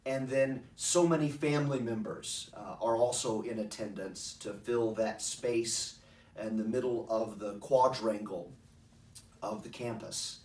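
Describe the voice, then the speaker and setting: Middle-aged man, echoey and distant, measured explainer. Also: fairly low pitch, a little mellow. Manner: measured, articulate, halting with pauses. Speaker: speaker introducing a recording of his own past oration. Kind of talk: informal explanatory talk. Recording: roomy echo, distant microphone.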